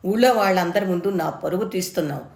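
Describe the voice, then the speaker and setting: A woman's voice: on the low side, quick pace, creaky. Bullying grown son, pushy and scornful, as a woman storyteller puts him on, raised and strained, in a roomy space. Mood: angry. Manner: mocking, pushy, loud. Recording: roomy echo.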